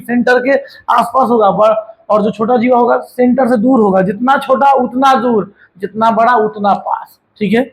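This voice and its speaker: A man runs a maths lesson in a fairly high voice. He talks in a chatty, teasing way, scolding his students and breaking into bits of song between steps. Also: poor audio. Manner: chatty teacher, scolds and jokes with students, sings snatches of songs. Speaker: maths tutor.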